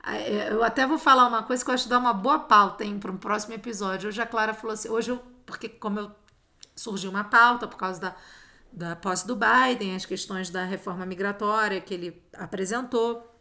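Gravelly, bright-voiced woman. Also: medium pitch, fairly quick. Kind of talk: casual chat.

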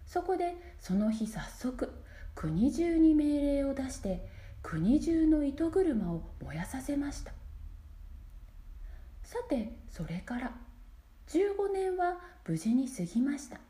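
Storybook narrator: a woman with a high, animated, mellow voice, gentle measured reading, echoey room. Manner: gentle, measured reading with dropping whispered phrase ends. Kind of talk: scripted fairy-tale narration.

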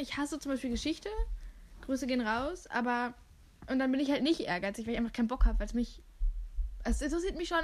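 Young female co-host, a little high-voiced, playful and rambling in casual chat. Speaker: podcast co-host.

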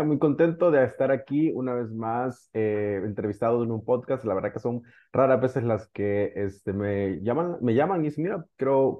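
Man on a dull lo-fi line. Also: fairly low pitch. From El Salvador. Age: 30s. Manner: candid, rambling with filler pauses. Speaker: guest. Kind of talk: casual interview storytelling.

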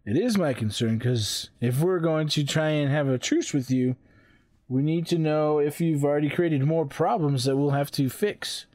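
A man's voice: a little high, moderate pace, a little mellow, no echo. A man playing a tabletop role-playing game, negotiating casually in character in his everyday voice.

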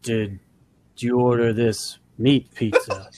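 A man voicing a clumsy pizza delivery guy in a tabletop game, slow and halting. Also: medium pitch, steady tone, slight background noise, natural voice. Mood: deadpan.

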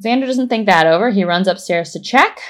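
Lady recapping a tv episode blow by blow, chatty and lively, mid-pitch voice. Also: fairly quick. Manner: animated play-by-play storytelling. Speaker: podcast co-host. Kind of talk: casual episode recap chat.

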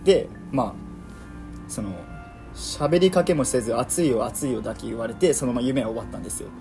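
Guy telling a creepy true story casually, talks fast, bit of fry, polite and halting, music faint behind. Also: medium pitch, lively intonation, mellow. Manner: halting, pieced-together telling with polite speech. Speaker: guest telling a family story.

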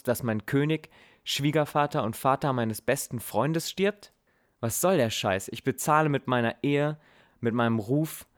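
A man's voice: mid-range voice, voice pushed up, lightly acted. David, a frustrated young warrior, voiced by a man. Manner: earnest, questioning, frustrated. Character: young male warrior anointed as king, troubled and bitter.

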